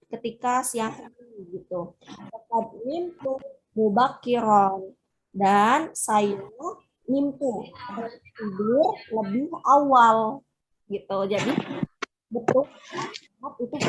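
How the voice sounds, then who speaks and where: A woman teaching an online Arabic class, explaining each phrase step by step with many fillers. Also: husky. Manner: acts out dialogue lines with lively raised pitch.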